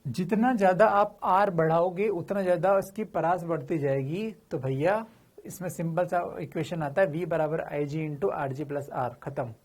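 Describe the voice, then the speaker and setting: A man's voice: fairly high pitch, moderate pace, darkish tone. A man teaching physics in a chatty, informal lecture, asking questions and answering them himself. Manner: addresses students familiarly, slips in slang.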